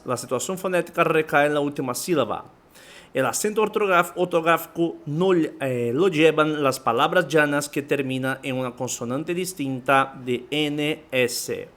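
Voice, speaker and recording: A man's voice: on the high side, a bit bright. Brazilian man teaching Spanish grammar. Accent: Brazilian Portuguese. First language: Portuguese. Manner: mixes languages, reads aloud then explains. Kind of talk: online lesson reading and explaining a textbook.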